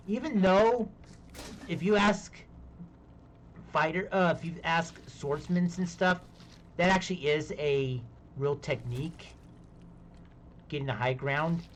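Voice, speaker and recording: A man's voice: fairly high pitch, takes it slowly, long pauses, a little hiss or hum. A man chatting casually while playing a game on a live stream, rambling between topics and laughing easily. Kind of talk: casual gaming chat.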